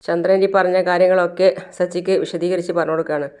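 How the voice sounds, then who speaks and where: Brief: serial recap narrator, plain linking narration, smooth resonant voice at a mid pitch. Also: level tone, fast talker, darkish tone. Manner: plain narrating with "then he says" links. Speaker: storyteller. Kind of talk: retelling a TV serial episode.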